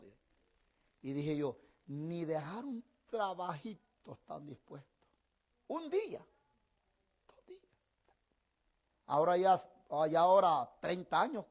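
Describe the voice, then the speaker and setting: A middle-aged male pastor preaching a sermon in a conversational way, teasing his congregation, then building to emphatic proclamation. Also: a little high.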